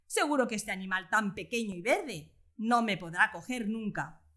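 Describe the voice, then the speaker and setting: A woman's voice: mid-range voice, expressive, normal speed, a bit bright, natural voice. A woman voicing a smug, playful moon in a children's story, dismissive of a small frog.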